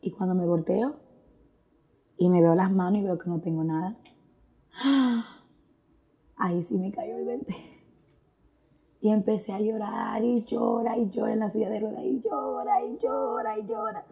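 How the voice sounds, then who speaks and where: A woman's voice: mid-range voice, steady tone, normal speed, long pauses, dark tone. Earnest woman telling a personal testimony. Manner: mixes Spanish with English phrases; earnest, reflective, with frequent fillers. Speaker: guest sharing a testimony.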